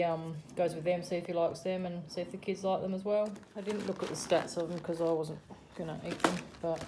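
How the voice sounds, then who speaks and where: A middle-aged Australian woman with a lowish voice chats casually through her grocery haul, dropping frequent ums and comments on prices. She films on a phone camera held over a table in her home kitchen or dining room, with background noise audible.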